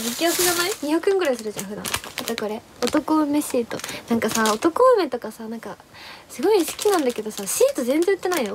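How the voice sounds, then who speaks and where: A woman's voice: a little high, background noise. A young woman chatting casually on a livestream. She rambles about her day and greets viewers one by one. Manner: rambling, chatty, greets viewers, refers to herself in third person. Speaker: livestream host.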